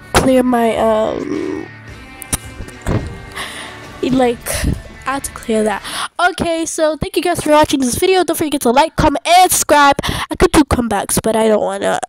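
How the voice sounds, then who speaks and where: High-voiced woman rambling over gameplay. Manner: rambling, chatty, many restarts and fillers. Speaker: gaming channel host. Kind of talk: casual gameplay commentary.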